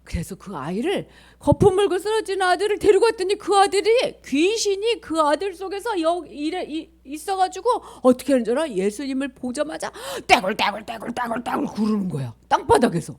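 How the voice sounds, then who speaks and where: A woman leading a children's sermon, telling a story in an animated way and asking the children questions. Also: very high voice, fairly quick.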